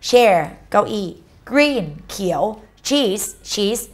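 A woman's voice: mid-range voice, lively intonation, very slow. A woman teaching an exam-prep English lesson in a chatty, playful way, mixing English words into her speech. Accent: Thai.

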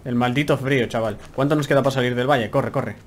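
A man's voice: medium pitch, quick pace. A young man with a Spain Spanish accent giving chatty, exclaiming commentary as he plays a game from home. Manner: chatty, exclaiming, talks to himself while playing. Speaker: gameplay streamer. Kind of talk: casual let's-play commentary.

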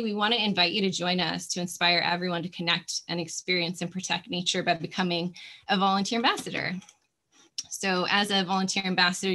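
Woman in her thirties, bright clear voice, slightly low, encouraging, webinar talk, laptop mic. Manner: friendly, encouraging, frequent ums. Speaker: nature volunteer coordinator. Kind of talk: webinar presentation.

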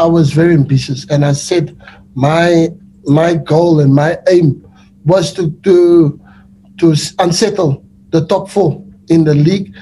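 A man in his forties with a South African accent, a football coach answering press questions in a relaxed, rambling way with many restarts, speaking over a webcam on a video call. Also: a little high, a little hiss or hum, poor audio. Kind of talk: post-match press conference answers. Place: indoors before a sponsor backdrop.

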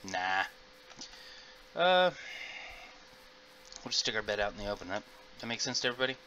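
Chatty low-voiced man narrating gameplay. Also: big pitch swings, brisk, pushed and bright, dull audio. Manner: chatty, rambling, talks to viewers. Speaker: gaming video host. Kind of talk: casual let's-play commentary. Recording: noisy home mic recording.

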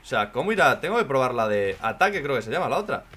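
A man from with a hoarse voice, commenting on his own gameplay in casual chat, joking and swearing a lot. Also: mid-range voice, very animated, quick pace, slight background noise. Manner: swears a lot and jokes, shouts when in danger.

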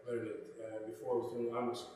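A man from Lithuania speaks with a Lithuanian accent in a relaxed, direct way, chuckling now and then. His voice sits in a middle range. He sounds distant, in a strongly echoing gym space. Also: mid-range voice, quick pace, a little hiss or hum. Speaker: podcast guest. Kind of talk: casual interview chat. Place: indoor gym, lounge area. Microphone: far camera mic. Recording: echoey gym room from far off.

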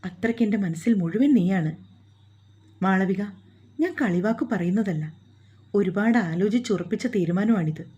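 A woman's voice: medium pitch, normal speed, pauses often, mellow, slightly rough, lightly acted. A woman voicing a possessive young man who is in love, speaking in an earnest, coaxing way. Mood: earnest, tender. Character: possessive, smitten young man, wealthy suitor.

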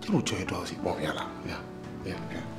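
A man with a Senegalese accent playing a young man who calmly comforts his upset partner in a TV drama. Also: sits low, brisk, over loud music. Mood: soothing. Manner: soft, soothing. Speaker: partner comforting a crying woman. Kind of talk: TV drama acting. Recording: echoey room under loud score.

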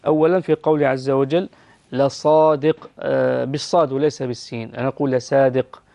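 A man's voice: mid-range voice, vocal fry, darkish tone. Algerian man correcting Quran recitation. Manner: patient, explains rules and models pronunciation. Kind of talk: correcting recitation on a call-in show.

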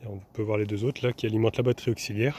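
Racing along in a lowish, darkish voice with fairly even intonation and a little hiss or hum, a young vanlife vlogger narrates a DIY build. Chatty as he works, partly outdoors on a camper van roof, he uses plenty of fillers and restarts.

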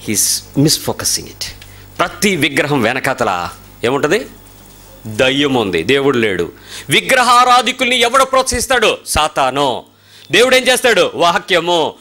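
A man with a Telugu accent preaching a sermon, firing rhetorical questions and swinging from loud outbursts to low asides.

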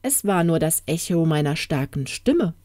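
A woman's voice: sits low, big pitch swings, moderate pace, dark tone, no room sound. A woman playing a boastful stubborn old king, haughty and scolding, storybook audiobook, dry close voice.

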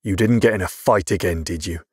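A stern, worn-out father speaks in a very low, clipped voice, his words pushed through gritted teeth, as a male audiobook narrator puts him on. The recording is dry and close, with no room sound. He sounds tired but strict. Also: brisk, husky, dry recording. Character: stern tired middle-aged father, glassmaker.

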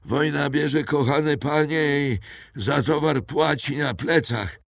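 Man doing a high strained voice for an old forest poacher, grumbling and rambling, slow and dry-sounding, audiobook character. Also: vocal fry, no room sound, full character voice. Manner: grumbling, rambling folk philosophy.

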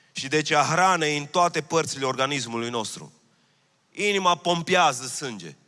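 A man in his thirties from Romania, working as a pastor, delivers a sermon from a church stage in a large hall using a handheld mic. His voice runs a little high, pushed and bright. He speaks earnestly and repeats key phrases, with long hall reverb around him.

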